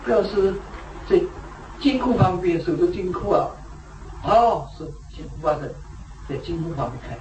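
Guy giving a buddhist talk, kinda high voice, echoey room, mic far off. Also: animated, moderate pace, pauses often, a little mellow, a little hiss or hum. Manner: storytelling, asks rhetorical questions. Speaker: Buddhist teacher. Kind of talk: dharma talk.

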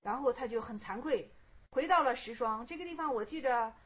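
A woman teaching as a Buddhist teacher, telling a Chan koan story in a lively way with many fillers. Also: fairly high pitch, fairly quick, slightly rough.

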